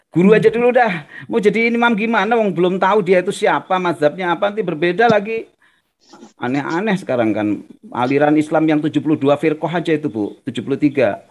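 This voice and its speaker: A man's voice: high voice, fairly quick, long pauses. A man giving a religious talk over a video call, answering questions in a folksy way with everyday examples. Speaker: religious teacher. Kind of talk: online Q&A sermon.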